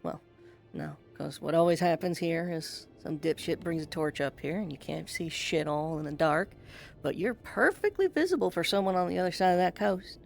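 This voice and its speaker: A performer plays a wry, teasing soldier on watch in a role-play game. The voice is gravelly and mid-pitched, with faint music behind it. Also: lively intonation, normal speed. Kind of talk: improvised in-character role-play, conversational.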